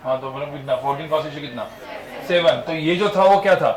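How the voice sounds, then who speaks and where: A man's voice: on the high side, brisk. A male physics teacher giving a classroom lecture, firing constant questions at his students. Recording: echoey classroom with faint ambience.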